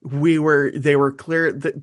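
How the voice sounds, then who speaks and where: A man co-hosting a podcast in casual chat, wry and quick to laugh. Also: a little high, little pitch movement, dry recording. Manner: laughs often, wry and self-aware. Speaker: podcast co-host.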